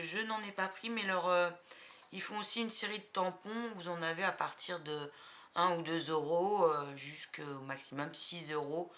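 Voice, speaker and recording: A woman with a slight cold chatting casually about crafting supplies, unhurried and hesitant, with many fillers. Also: on the low side, sharp tone. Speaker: crafting vlogger. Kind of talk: casual haul chat.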